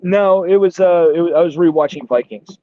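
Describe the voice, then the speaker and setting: A man co-hosting a casual podcast, relaxed, laughing often and taking his time to get to the point. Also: a little high, fairly quick, no echo. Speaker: podcast co-host. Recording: dull lo-fi mic.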